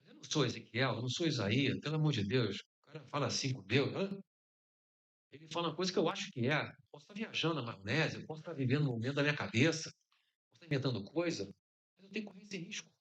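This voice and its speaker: Brazilian man, middle-aged, conversational sermon style, quips and rhetorical asides, voice sits a touch high. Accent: Brazilian Portuguese. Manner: chatty, joking, peppered with rhetorical questions. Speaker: conference speaker. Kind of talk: informal conference sermon.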